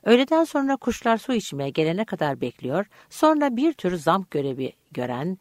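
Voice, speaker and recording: Calm woman narrating an audiobook. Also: on the low side, moderate pace, no echo. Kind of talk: scripted narration.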